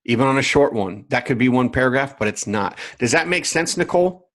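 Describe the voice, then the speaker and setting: A man coaching other coaches in a live online lesson, speaking at a plain middle pitch. He leans on emphatic repetition and keeps checking that his viewers follow along. He sounds like he is talking into a computer mic at home. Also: lively intonation, a little fast. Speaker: business coach.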